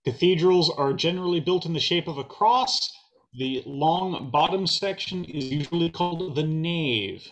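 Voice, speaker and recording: A man hosting a trivia game over a video call. His voice sits a little high, and he reads the answers out slowly and steadily. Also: a bit bright, highs cut off, soft background music. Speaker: trivia quizmaster.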